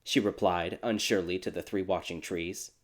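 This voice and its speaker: A man narrating a dark fairy tale in a measured, even storytelling manner. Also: deep voice.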